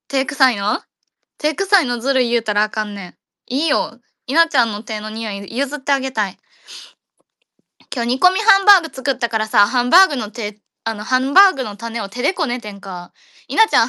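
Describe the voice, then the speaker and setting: Woman, Kansai accent, hosts a casual chat, playful and rambling; crisp bright tone, dry close mic. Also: fairly high pitch, no room sound. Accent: Kansai Japanese. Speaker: host of an audio chat room.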